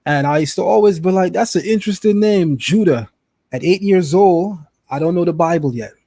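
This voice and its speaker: A man's voice: high-pitched, moderate pace, creaky, dark tone, dry recording. A man hosting a live stream interview, upbeat and familiar, addressing his viewers as family. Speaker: host, interviewer.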